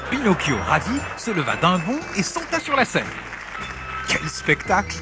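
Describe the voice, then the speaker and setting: A man reading a children's storybook aloud as narrator, in an expressive, animated way. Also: high voice, a little slow, over music, a crowd in the background.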